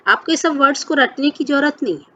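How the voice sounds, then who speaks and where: A woman's voice: sits high, lively intonation, bright, forceful tone. Woman teacher explaining grammar step by step. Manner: explains patiently, asks and answers her own questions; reads example sentences slowly. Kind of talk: grammar lesson. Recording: dull lo-fi recording with faint noise.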